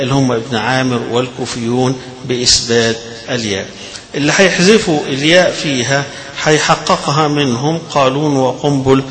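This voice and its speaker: A man with an Egyptian Arabic accent teaching a religious lesson on Quran readings and their meaning, moving between chatty explanation and slow, drawn-out recitation. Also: mid-range voice, a bit bright, rough recording.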